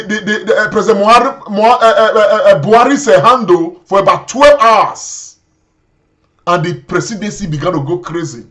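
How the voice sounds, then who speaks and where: Indignant Nigerian host, fairly high voice. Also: male voice, a bit bright. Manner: indignant, repetitive, mixes in Pidgin. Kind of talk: impassioned political commentary.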